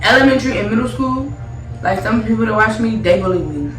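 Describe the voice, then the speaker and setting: Tipsy giggly lady rambling casual storytime, sassy n blunt, roomy echo, loud music in back. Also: fairly high pitch, lively intonation, fast, distant mic. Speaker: storytime vlogger.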